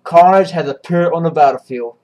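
Man, casual comic recap, swears a lot, rambles, slightly higher voice. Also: a little fast, a little mellow, highs cut off. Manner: rambling, swearing, many restarts. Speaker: manga reviewer.

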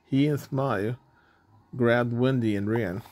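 A man with a voice of ordinary pitch reads a children's storybook aloud. His reading is plain, with small slips that he stops to correct. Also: a little slow, a little mellow, no echo. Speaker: storybook reader.

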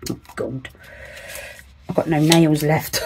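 A woman's voice: fairly low pitch, noisy background. A woman crafting at home, thinking aloud in chatty, self-deprecating asides that sometimes drop to a whisper. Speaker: resin crafter. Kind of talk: casual crafting commentary.

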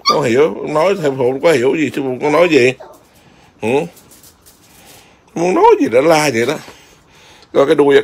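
A man, a Buddhist monk, chatting casually outdoors in his garden and keeps asking his viewers whether they see. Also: fairly high pitch. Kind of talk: casual home vlog.

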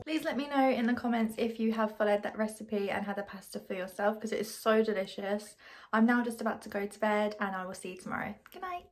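A young woman talking casually to her vlog camera, chatty and easygoing, with frequent ums as she explains how she cooks. Her voice sits at an everyday middle pitch. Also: steady tone, quick pace. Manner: chatty, filler-heavy recipe talk; soft, quiet morning talk. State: tired morning voice. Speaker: vlogger.

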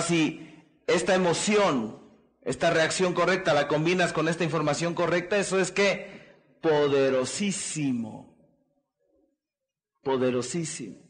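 High-voiced man giving a rousing sermon-like talk. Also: expressive, a little slow, pauses often. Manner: preachy call-and-response, asks the crowd "¿qué?" and "¿verdad?"; repetitive rousing delivery. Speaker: motivational speaker. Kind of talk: motivational seminar talk.

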